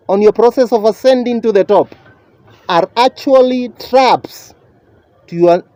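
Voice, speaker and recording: A man preaching a motivational sermon in a lecturing, emphatic manner, with deliberate, repetitive phrasing. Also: sits high, dark tone, dry recording.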